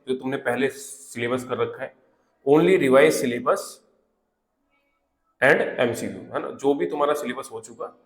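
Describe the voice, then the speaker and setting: A man giving exam preparation tips in a casual, conversational way, often adding little check-in fillers. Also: medium pitch. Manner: conversational, repeats fillers like "theek hai" and "hai na"; reads English notes aloud slowly, word by word. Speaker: exam prep teacher. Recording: echoey room.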